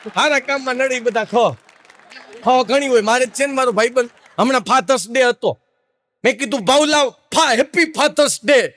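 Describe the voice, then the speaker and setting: A man's voice: extremely high pitch, normal speed, some chatter behind. A middle-aged man with a Kathiawadi Gujarati accent, telling funny folk anecdotes on stage and acting out the people in them. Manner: lively folksy storytelling, acts out the people in his stories. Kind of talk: live stage storytelling.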